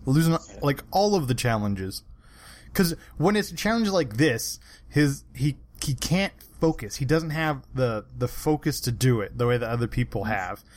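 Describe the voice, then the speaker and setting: A man with an ordinary mid-range voice co-hosting a relaxed podcast. He talks things through in a chatty way, often laughing. He sounds like a friend picking apart the details with a co-host. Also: medium pitch, moderate pace. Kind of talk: casual chat.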